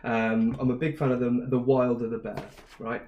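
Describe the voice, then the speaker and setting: A man co-hosts a loose podcast chat, talking at a middle pitch. He rambles his way through explanations and laughs easily. His voice bounces around a roomy, echoey space. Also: flat delivery, moderate pace, lo-fi sound. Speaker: podcast co-host. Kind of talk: casual chat.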